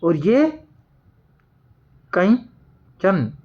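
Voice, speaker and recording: A man's voice: sits high, very animated, dull audio. Hindi grammar teacher quizzing his class. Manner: repeats words slowly, asks and answers his own questions. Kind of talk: classroom lesson at a board.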